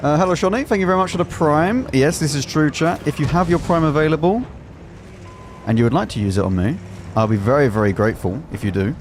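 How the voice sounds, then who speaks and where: A man's voice: fairly high pitch, expressive, fast, slight background noise. An English man live streaming a game, chatting casually in an opinionated, exclamatory, colloquial way. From England. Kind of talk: casual live stream commentary while gaming.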